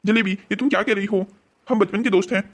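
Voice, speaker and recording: A voice actor playing a sly, smooth-talking young man in a cartoon story, coaxing and evasive. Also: mid-range voice, fairly even intonation, quick pace, lightly acted.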